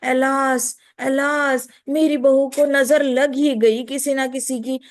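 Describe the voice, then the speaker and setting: A woman's voice: high-pitched, flat delivery, slow pace. A woman voicing an anxious old mother-in-law who frets and pleads in a raised, wailing voice. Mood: lamenting. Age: older.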